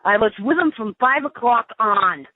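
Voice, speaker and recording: A woman comes through a prison phone line, high-pitched and tinny, snapping back with blunt, cursing answers. The line is narrow and thin, and her voice sounds dry and close. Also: lively intonation, normal speed, no echo. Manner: blunt, angry, swearing. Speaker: inmate's sister on a call.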